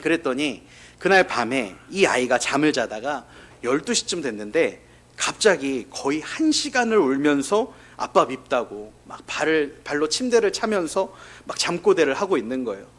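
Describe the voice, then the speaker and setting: A man's voice: fairly high pitch, very animated, moderate pace, fairly bright tone. A male pastor giving a conversational sermon, telling candid personal stories and speaking straight to the congregation. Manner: candid, confessional storytelling that addresses the congregation directly.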